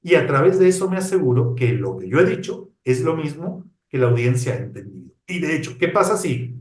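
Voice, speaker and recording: A man, a psychologist, giving a live online lecture. He speaks close to his microphone in a lively way, changing his tone and volume on purpose and calling his audience "chicos". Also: fairly high pitch, brisk, reverberant, recorded from a distance. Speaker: psychologist and employability counselor giving a webinar. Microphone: close to a computer microphone.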